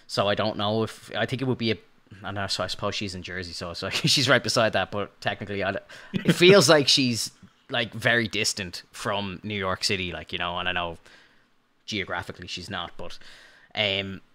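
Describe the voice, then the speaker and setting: A man's voice: lowish voice, a little fast, bright, forceful tone. A man co-hosting a podcast, chatting casually in a rambling way, with lots of fillers and restarts. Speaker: podcast co-host. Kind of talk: casual review chat.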